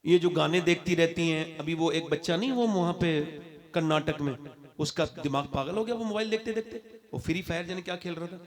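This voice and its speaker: A man delivering an impassioned sermon to a crowd, moving from low conversational talk to loud shouted declamation and asking the audience questions. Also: brisk. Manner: addresses the crowd directly with questions. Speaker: religious orator. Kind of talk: impassioned sermon at a public gathering. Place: stage at a large religious gathering.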